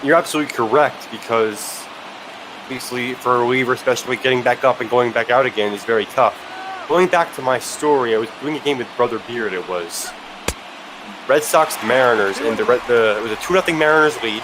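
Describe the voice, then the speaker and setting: Man, color commentary, mid-range pitch, conversational sports analysis, clear background noise. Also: fairly quick.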